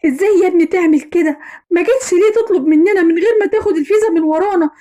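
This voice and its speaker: A woman's voice: very high-pitched, racing, warm tone, pitched above the performer's own voice. A woman with an Egyptian accent voicing an indulgent wife and mother who coaxes her husband. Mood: pleading.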